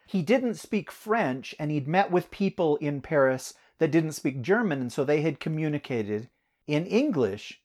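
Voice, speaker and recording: An American audiobook narrator chats about a trip in a relaxed podcast conversation. The voice moves a lot in pitch, with laughs slipping into the telling. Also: a little slow. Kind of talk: casual podcast chat.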